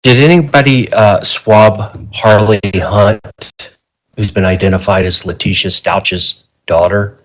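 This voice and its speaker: A man's voice: on the low side, steady tone, slow pace, poor audio. A man questioning a witness in court as a defense attorney, in a conversational, informal way. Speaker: defense attorney cross-examining.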